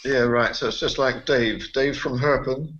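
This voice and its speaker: A man hosting and moderating an online panel in an upbeat, quick manner. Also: medium pitch, steady tone, a bit bright. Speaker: host. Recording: dull lo-fi audio.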